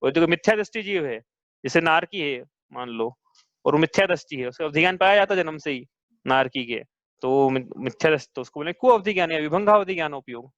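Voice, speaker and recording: High-voiced man teaching a scripture class. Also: animated, fairly quick, fairly bright tone, dry recording. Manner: patient, asks students questions. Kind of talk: religious class lecture. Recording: dull lo-fi sound, dry.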